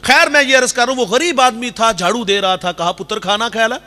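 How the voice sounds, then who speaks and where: A man preaching an impassioned sermon, acting out stories, and sometimes slowing to a sing-song recitation of verse. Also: extremely high pitch, expressive, bright, forceful tone. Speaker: Islamic preacher. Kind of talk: Urdu sermon with Punjabi verse and quotes. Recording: long hall reverb.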